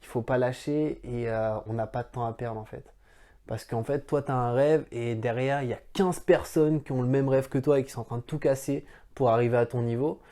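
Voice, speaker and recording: Mellow-voiced man chatting to camera. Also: medium pitch, fairly even intonation, fairly quick. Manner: friendly, talks straight to the viewer as tu; chatty, rambling asides. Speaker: YouTuber answering viewer questions. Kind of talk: casual chat to camera.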